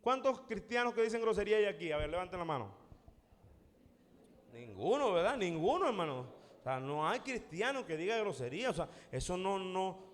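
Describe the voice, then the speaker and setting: A man's voice: high-pitched, sing-song, a little fast, in a large hall. A man preaching a sermon to a congregation, emphatic and repetitive, calling out to the listeners directly. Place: church hall.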